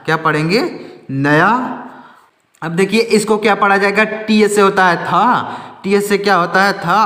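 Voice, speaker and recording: A man teaching a slow reading lesson, spelling words out letter by letter, asking and answering his own questions and often correcting himself. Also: fairly high pitch, a bit bright, echoey room, in a large hall.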